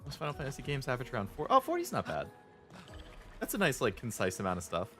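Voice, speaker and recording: A man's voice: mid-range voice, huge pitch swings, fast, sharp tone. A man giving casual, amused gameplay commentary and chat as a streamer. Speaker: video game streamer. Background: game music.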